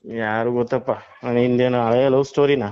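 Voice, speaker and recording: A man's voice: medium pitch, little pitch movement, moderate pace, smooth. A man taking a phone call who humors and then scolds the caller, humming along often. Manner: patient at first, then scolding, with frequent hums. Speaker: call recipient. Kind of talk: phone conversation. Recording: muffled phone call audio.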